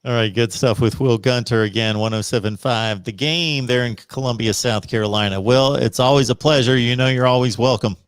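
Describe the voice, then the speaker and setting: A man's voice: medium pitch, fairly even intonation, a little fast, few pauses, clear, resonant tone, dry recording. A man hosting a call-in sports show in a casual, conversational style.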